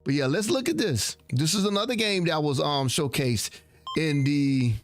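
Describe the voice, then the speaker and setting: A man hosting a casual trailer reaction, talking in a halting way and repeating words as he goes. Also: fairly high pitch, expressive, faint music behind. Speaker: host reacting to game trailers. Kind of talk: casual commentary.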